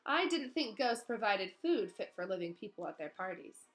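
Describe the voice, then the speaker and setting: A woman voicing a cold, sneering, insinuating male potions teacher in a storybook, icy and deliberate. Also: medium pitch, very animated, natural voice. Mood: triumphant sneer.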